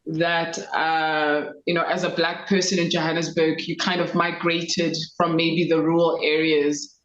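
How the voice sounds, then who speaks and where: A South African woman in her thirties, a lawyer telling her life story in a measured, reflective way. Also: low-pitched, little pitch movement, echoey room, highs cut off. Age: 30s. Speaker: guest lawyer. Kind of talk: interview conversation.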